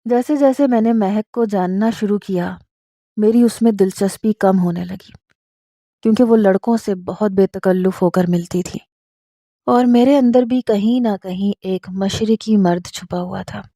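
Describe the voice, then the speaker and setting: A woman narrating a first-person romantic story in a steady, scripted reading style. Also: medium pitch, no echo, studio quality.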